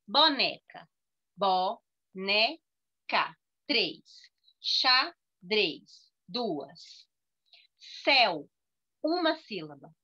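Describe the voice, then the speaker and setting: Woman, teacher, slow drawn-out syllables, lively melody, dull lo-fi video call audio. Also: on the high side. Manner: patient, stretching each word out syllable by syllable. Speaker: primary school teacher. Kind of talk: online class for young children.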